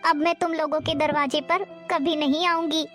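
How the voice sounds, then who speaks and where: A woman's voice: high-pitched, level tone, moderate pace, a bit bright, soft background music. A woman voicing a hurt elderly mother-in-law.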